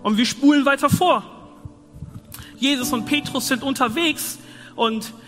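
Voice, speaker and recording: A man with a very high voice preaches a sermon, loose and youthful, tossing in English slang. His voice rings out in a hall with long reverb, and music plays behind him. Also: measured pace, fairly bright tone. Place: church hall.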